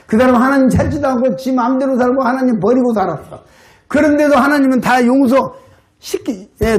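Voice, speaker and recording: A man preaching in a Jeolla Korean accent, his voice set high and swinging widely as he tells stories. He plays out both sides of each conversation. His tone ranges from quiet to fervent shouting. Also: roomy sound. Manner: animated, acts out dialogue with high excited voice. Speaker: lay preacher. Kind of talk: sermon with acted-out anecdotes. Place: church hall.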